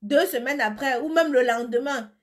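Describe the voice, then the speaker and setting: A high-voiced woman speaking at normal speed chats on a phone live stream as a beauty seller, sick with a cold and flu. She answers viewer comments casually and turns blunt when she's insistent.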